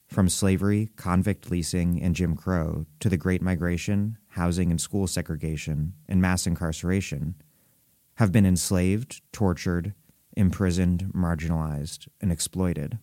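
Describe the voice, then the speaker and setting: A man's voice: low-pitched, a little mellow. A man reading a scripted introduction as the host of a podcast.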